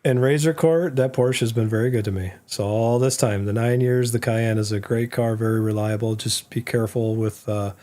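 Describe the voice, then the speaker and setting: A man's voice: medium pitch, fairly even intonation, normal speed, hardly any pauses, mellow. A man co-hosting a casual live stream, joking and laughing often. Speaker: co-host. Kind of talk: casual chat.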